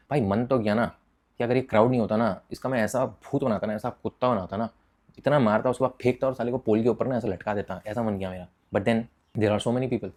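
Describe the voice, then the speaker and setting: Rapid, lower-voiced young Indian guy telling a crude, animated story to camera. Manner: animated, mixes English into Hindi, swears freely. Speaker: vlogger telling a personal story. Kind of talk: casual storytelling with crude slang.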